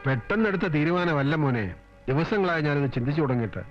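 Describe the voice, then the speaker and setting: An actor playing a proud, wounded older newspaper editor and father, speaking in a dignified, measured way. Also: fairly high pitch, lively intonation, natural voice. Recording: dull film soundtrack with soft music.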